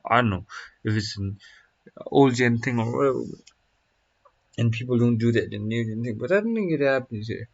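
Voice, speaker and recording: A man's voice: medium pitch, lively intonation, moderate pace, pauses often. A young man streaming, chatting casually and reacting to a video in a rambling, slangy way full of fillers. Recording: dull lo-fi mic.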